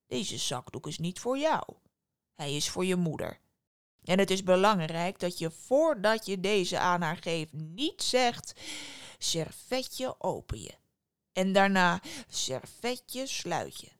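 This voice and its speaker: A gentle, ugly giant speaks slowly and patiently, explaining things twice to a boy he cares for, as a woman reads him. The delivery sits a little lower than her own at tender moments. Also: very animated, clean tone, no room sound, studio quality, heavily acted. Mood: instructing. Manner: slow, patient instructions. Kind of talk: storybook voice acting.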